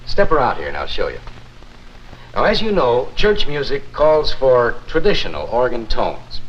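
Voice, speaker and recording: An actor playing a courteous, confident church organist, explaining in a formal, measured 1950s narrator manner for a promotional film. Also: male voice, mid-range voice, wildly swooping pitch. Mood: instructive, assured. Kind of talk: 1950s promotional film acting, scripted demonstration. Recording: muffled, noisy 1950s film soundtrack.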